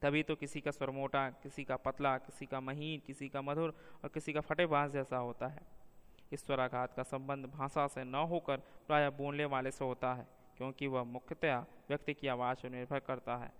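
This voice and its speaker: Smooth-voiced man reading a lesson. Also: medium pitch, flat delivery, fairly bright tone, big-room sound. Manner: measured, slows down to spell out example words. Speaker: teacher. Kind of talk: reading a linguistics lesson aloud.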